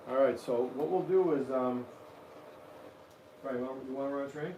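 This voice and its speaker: A man's voice: mid-range voice, normal speed, dark tone. A man in his forties with a Boston accent, chatting informally and rambling a little as he hosts a casual live stream. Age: 40s. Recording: roomy echo, distant mic, noisy.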